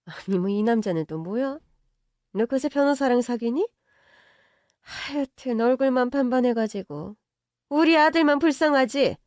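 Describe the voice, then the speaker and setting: A woman's voice: sits high, animated, normal speed, darkish tone, dry recording, studio quality, voice pushed up. A woman voicing a haughty, contemptuous middle-aged mother-in-law who scolds and belittles in a story drama. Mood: scolding. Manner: sneering, bossy, scolding in banmal. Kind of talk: audio drama story reading.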